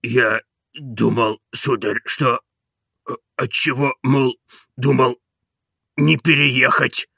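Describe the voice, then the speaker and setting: A man doing a gravelly, grumbling old servant. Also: mid-range voice, measured pace, sharp tone, no room sound, clean studio sound, heavily acted. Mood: flustered. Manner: mumbling, pleading. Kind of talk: audiobook reading.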